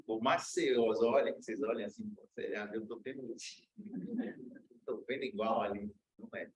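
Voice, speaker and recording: A man's voice: on the low side, moderate pace, slightly rough, rough recording. A man from Brazil, a law professor, giving a university lecture in a casual, slangy way with anecdotes. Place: lecture room.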